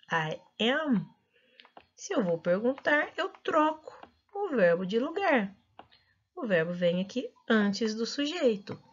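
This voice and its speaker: A Brazilian woman teaches English grammar and spells out each example slowly and with care. Her husky voice moves up and down a great deal as she explains. The recording sounds dull and lo-fi. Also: medium pitch. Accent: Brazilian Portuguese. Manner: slow, careful, lively teaching voice with drawn-out example phrases.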